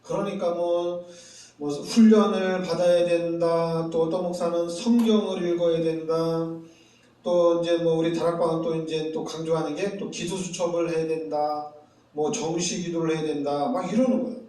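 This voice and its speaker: A man preaching a sermon as pastor, animated, acting out the quoted voices of the people he describes. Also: fairly high pitch, normal speed. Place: church sanctuary. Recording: echoey church hall from far off.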